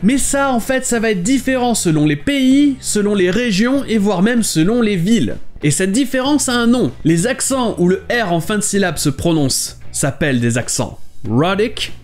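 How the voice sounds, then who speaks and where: A man teaching English pronunciation in a lively, explanatory video lesson. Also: high voice, normal speed, few pauses, soft background music.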